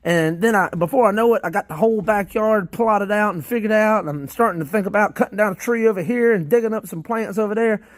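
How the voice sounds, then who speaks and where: A man's voice: high voice, quick pace, hardly any pauses, no room sound. A man with a Southern American accent chatting casually to viewers in a vlog about his worm bins, rambling and repeating himself in a folksy way. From Southern United States. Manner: repeats phrases, restarts often. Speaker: worm farmer vlogger.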